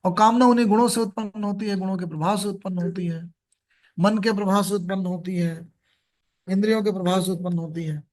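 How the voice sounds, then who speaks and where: A middle-aged man giving a measured spiritual discourse, explaining scripture and reciting Sanskrit verses. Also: high voice, steady tone, a little mellow. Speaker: Gita speaker.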